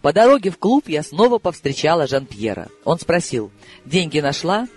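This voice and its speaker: A man narrating an audiobook in a measured, expressive reading style. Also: fairly high pitch, breathy edge, soft background music. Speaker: audiobook reader.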